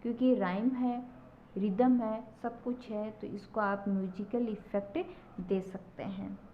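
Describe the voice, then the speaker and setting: A woman teacher slowly explaining poetry to a class, repeating key terms and often checking "okay?". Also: mid-range voice, steady tone. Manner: slow, repetitive explaining with frequent checks of "ठीक है". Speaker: English literature teacher. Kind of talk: classroom lecture. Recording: dull lo-fi recording with faint noise.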